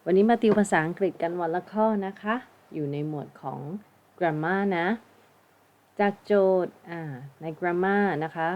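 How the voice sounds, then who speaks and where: A woman's voice: on the low side, darkish tone. A woman with a Thai accent, an English teacher tutoring for an exam, patiently explaining and spelling words out letter by letter.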